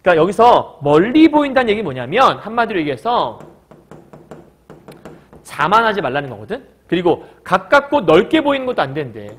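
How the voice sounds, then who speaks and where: Male literature teacher, high and lively voice, lectures by firing questions at the class and answering them. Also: brisk, breathy edge. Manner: breaks into short acted quotes of characters.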